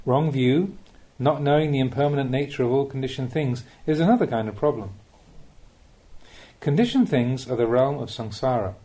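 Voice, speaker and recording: For an audiobook, a Buddhist monk reads a scripted spiritual teaching, his phrasing unhurried and deliberate, with rhetorical questions woven in. His mid-range voice sounds animated and mellow.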